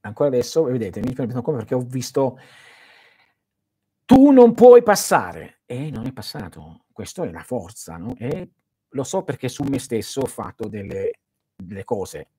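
A man's voice: mid-range voice, animated, moderate pace, mellow, slightly rough, dry recording, studio quality. Earnest man teaching on a live stream. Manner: earnest, didactic, speaks straight to listeners. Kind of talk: answering viewer questions in a live stream.

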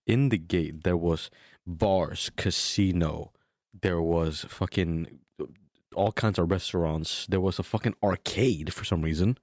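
A man's voice: deep voice, unhurried, darkish tone, dry recording, studio quality. A young man chatting casually as a podcast co-host, telling stories in bro-ish frat-boy slang with plenty of swearing. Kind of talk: casual chat, storytelling.

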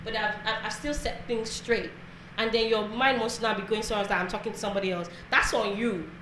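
A woman speaks frankly and with self-assurance in a casual group chat, her voice a little higher than most. The room is very echoey, with clear background noise behind her. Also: fairly even intonation, fast talker, a bit bright. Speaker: panelist.

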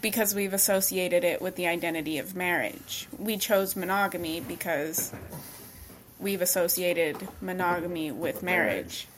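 A woman's voice: fairly low pitch, fairly even intonation, moderate pace, slight background noise. A young woman hosting a casual discussion podcast, asking probing questions and pushing back on her guests. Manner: probing questions, laughs often. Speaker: podcast host.

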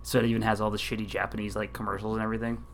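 Relaxed rambling man chatting. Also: fairly low pitch, very fast, slight background noise. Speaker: podcast co-host. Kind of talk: casual chat.

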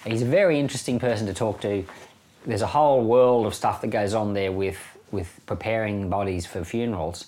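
Speaking briskly in a fairly low, slightly mellow voice, a middle-aged Australian pastor gives casual Bible commentary on his podcast. He is conversational and plain-spoken and chuckles now and then.

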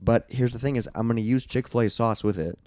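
A young man co-hosts a podcast in casual conversation, rambling and swearing often. His mid-range voice is quick, darkish, and scratchy, as if close to giving out. The recording has no echo.

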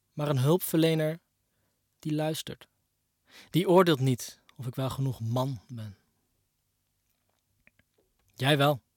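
A young man speaking a personal monologue to his ex-partner, moving between quiet reflection and raised, pained outbursts. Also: a little high, dry recording, clean studio sound. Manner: emotional, addresses his ex-partner directly. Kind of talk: personal spoken-word monologue.

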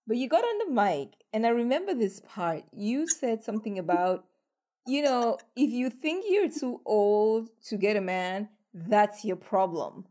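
A woman's voice: fairly high pitch, animated, a little slow, dark tone. A woman interviewing a guest in a casual chat, affirming and picking up speed as she makes her points.

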